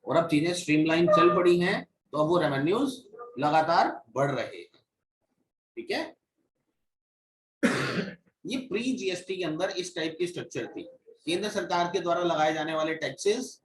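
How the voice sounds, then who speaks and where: A man's voice: a little high, slight background noise. Man lecturing in an echoey room. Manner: explains step by step, checks in with "ठीक है". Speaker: GST course instructor. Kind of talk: classroom lecture. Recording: echoey room, mic at a distance.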